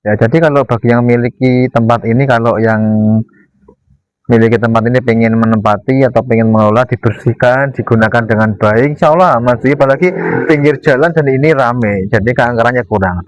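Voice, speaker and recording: A man co-hosting a vlog, explaining casually in a halting, matter-of-fact way. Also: medium pitch, no room sound. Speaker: paranormal vlog co-host. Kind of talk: casual unscripted explanation to viewers.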